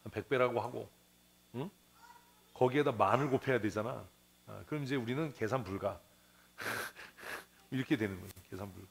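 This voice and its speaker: With vocal fry and long pauses, a man preaches at normal speed in a mid-range voice. He's a pastor in a church sanctuary, telling a parable in a conversational style, acting out its characters and questioning the congregation.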